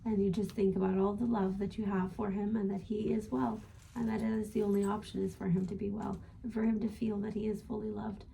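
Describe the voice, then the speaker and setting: A woman channeling a gentle male spirit guide as a seance medium, speaking formally and ending phrases with a questioning "yes?". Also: medium pitch, level tone, a little fast, creaky, a little hiss or hum, rough recording. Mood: gentle, assured. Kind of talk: spiritual guidance in trance channeling session.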